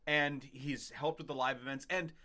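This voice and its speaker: A man co-hosting a casual gaming podcast, jokey and excitable, often laughing as he talks. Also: mid-range voice, moderate pace. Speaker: podcast co-host. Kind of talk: casual chat.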